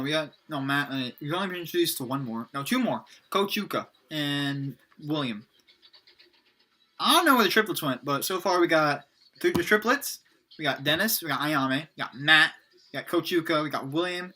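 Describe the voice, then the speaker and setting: Bright-voiced man stumbling through a reading. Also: on the high side. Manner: stumbling, self-correcting, chatty asides. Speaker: author reading his own book. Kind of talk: casual reading aloud with asides.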